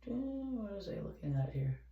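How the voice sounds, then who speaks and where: Congested from a cold, this woman gives a loose, talkative tarot reading and reads out what the cards say. She sounds very animated at a measured pace, with medium pitch and phone-quality audio, in an echoey room where the noise is plainly audible.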